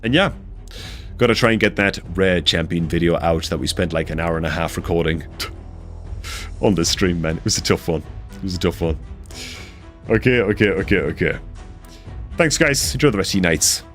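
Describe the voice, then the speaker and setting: Male streamer, lowish voice, congested and slightly rough, easygoing chatter, faint music underneath. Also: moderate pace, pauses often, fairly bright tone. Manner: laid-back, peppers talk with "man" and "dude". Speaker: game streamer. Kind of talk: casual live-stream chat.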